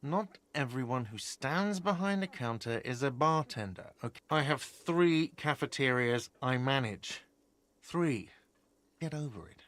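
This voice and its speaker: A man's voice: medium pitch, lively intonation, measured pace, a bit bright, no echo. An actor playing a defensive, irritable male hostel manager who snaps back sarcastically in a game. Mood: sarcastic. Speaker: game character.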